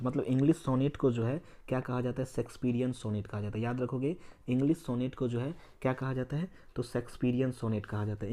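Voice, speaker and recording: A male teacher with a mid-range, darkish voice gives an exam-prep literature lesson in Hindi mixed with English. He repeatedly turns points into quiz questions and answers them himself. He also spells out words letter by letter.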